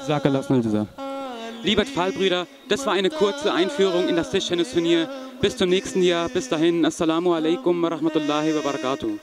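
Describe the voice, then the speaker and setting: A man's voice: a little high, fast talker, over music. A young man reporting from a sports event in a large indoor hall, interviewing boys in a formal, announcer-like manner. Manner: formal, announcer-like, with religious greetings. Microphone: handheld mic. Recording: crowd chatter in a big hall.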